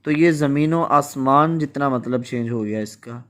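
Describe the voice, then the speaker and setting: Pakistani guy teaching quran recitation, slow careful explaining. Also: medium pitch, a bit bright. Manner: slow, explanatory, contrasts word pronunciations. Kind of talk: Urdu tajweed lesson.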